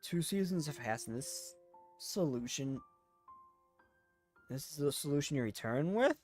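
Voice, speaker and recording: A man voicing a grave, regretful anime game heroine, reading the dialogue aloud in a solemn, halting way. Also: fairly high pitch, lively intonation, a little mellow. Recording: music under the voice.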